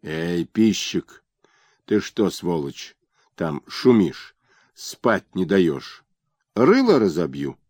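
A man voicing a fat, lazy, greedy provincial governor who talks in a gruff, bullying way. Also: lowish voice, sing-song, slow pace, a little mellow, no room sound, studio quality, heavily acted.

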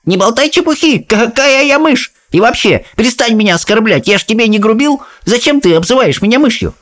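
A spoiled, indignant little boy trapped in a mouse's body, whining and squealing high above a normal speaking voice. His voice leaps all over the place. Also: animated, fairly quick, a bit bright.

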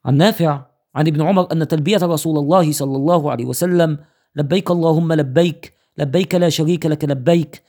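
A man reads a jurisprudence text aloud at a quick clip, his voice mellow and a little higher than most men's. He counts off numbered points and names his sources in a measured teaching manner. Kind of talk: reading a fiqh text aloud.

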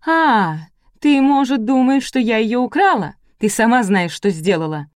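A woman reading aloud, voicing a furious jealous farm wife who shouts threats. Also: fairly high pitch, animated, measured pace, no echo, studio quality, pitched above the performer's own voice.

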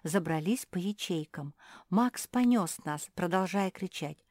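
A woman's voice: lowish voice, animated, darkish tone, dry recording, studio quality. A woman doing a frightened young girl animal. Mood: hurried, frightened. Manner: hurried, frightened.

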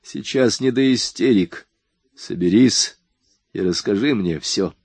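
A man's voice: lowish voice, takes it slowly, a little mellow, slightly rough, dry recording, heavily acted. A man reading an audiobook voices a hardened young man who gives curt, commanding orders. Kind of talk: audiobook dialogue.

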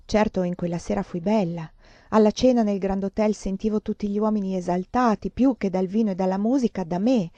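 A woman reading a literary novel aloud in an expressive, dramatic manner, with a dull, muffled sound. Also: mid-range voice, brisk, no echo. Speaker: reader.

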